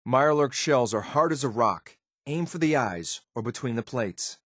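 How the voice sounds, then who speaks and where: In clean studio audio with no room sound, a man voices a stern, dutiful synth soldier companion for a video game. His mid-range, fairly bright voice is expressive and moderately paced, delivering clipped, matter-of-fact military lines with some disdain and a watchful, tactical mood.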